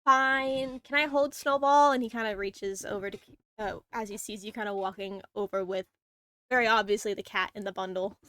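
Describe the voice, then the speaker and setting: A woman narrating as dungeon master, with quick, halting restarts. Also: medium pitch, level tone, a bit bright, dry recording. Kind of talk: narrating a tabletop game.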